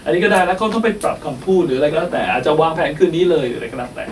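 A man's voice: a little high, lively intonation, racing, far from the mic, slight background noise. A man leading a teacher-training workshop, explaining the steps and checking in often with his listeners. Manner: explains with repeated checking questions.

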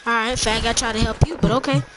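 A young man in a game who keeps telling others to calm down and stop taking loot. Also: very high voice, quick pace. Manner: exasperated, urging others to calm down. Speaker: gamer. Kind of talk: gameplay chat. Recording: clear background noise.

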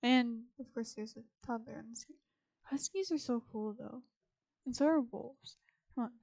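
A young woman, a gaming YouTuber, chats casually while playing The Sims, rambling and talking to her characters. Her voice is on the high side with a darkish tone, and she speaks at a moderate pace.

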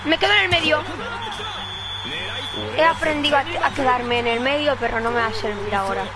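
High-pitched energetic streamer woman from Spain, Spanish accent. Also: a little fast, over loud music. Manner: energetic, excitable. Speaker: live streamer. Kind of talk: casual gaming stream commentary.

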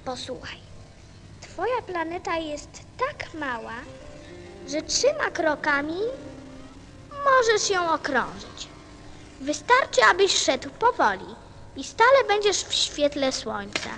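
A woman's voice: very high-pitched, sing-song, slow pace, a bit bright, faint music behind, exaggerated voice. A woman playing an earnest, inquisitive little boy in a radio play, with a childlike manner. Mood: gentle, thoughtful. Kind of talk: Polish radio play acting.

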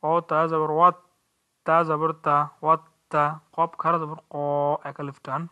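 A man with a Bangladeshi Bengali accent teaching Quran recitation, spelling out each letter and vowel and then reciting the verse slowly. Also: on the high side, little pitch movement, bright, forceful tone, dull audio. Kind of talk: slow spelled-out recitation lesson.

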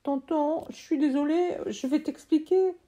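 Storybook boy hero, anxious, earnest, pleading, high and mellow; read by a woman. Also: steady tone, measured pace, dull audio. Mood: apologetic.

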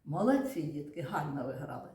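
A woman's voice: deep voice, very animated, a little fast, warm tone, reverberant. A woman kindergarten teacher leading young children through a lesson, patiently asking questions, praising answers and spelling out sounds and syllables.

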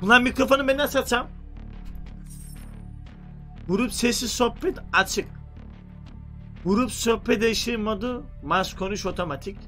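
A man streaming a shooter game, chatting excitably and cursing, sometimes yelling into voice chat. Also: very high voice, a little slow, pauses often, soft background music. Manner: excitable, swears a lot, yells greetings into voice chat. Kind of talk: casual gaming commentary.

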